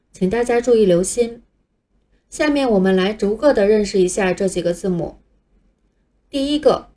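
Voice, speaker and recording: A woman whose first language is Chinese leads a scripted English lesson. She explains each letter patiently and says it clearly for learners to repeat. Her voice sits a little high but has a soft, mellow tone. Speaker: English teacher. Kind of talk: scripted teaching narration.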